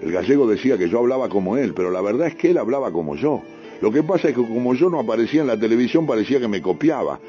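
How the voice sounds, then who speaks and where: A man with a Rioplatense accent, a radio host, reading a first-person story in an unhurried way with street slang. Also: mid-range voice, very animated, mellow. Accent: Rioplatense Spanish. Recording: dull radio broadcast, faint music.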